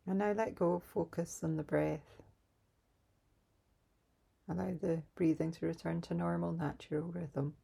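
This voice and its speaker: Soft-spoken lady doing a calm grounding meditation, deep voice, bit husky, unhurried and soothing. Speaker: meditation guide. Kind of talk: calm guided grounding exercise.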